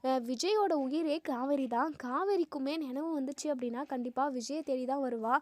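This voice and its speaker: Earnest young man, read by a woman, reasoning, high voice, dry sound. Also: normal speed, darkish tone, no room sound, close to an everyday voice.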